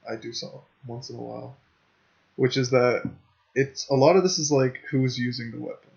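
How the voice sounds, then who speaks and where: A man's voice: mid-range voice, steady tone, moderate pace, vocal fry, darkish tone, highs cut off. A man in a casual podcast chat, hesitant and hedging his opinions. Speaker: podcast co-host.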